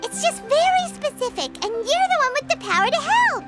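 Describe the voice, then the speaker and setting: A tiny cartoonish fairy sidekick for a video game. The voice is extremely high and squeaky, swinging up and down with cheeky, blunt excitement. Music plays loudly behind it. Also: female voice, moderate pace. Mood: coaxing. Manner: squeaky, exclamatory, speaks of self in third person. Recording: prominent music behind the dialogue.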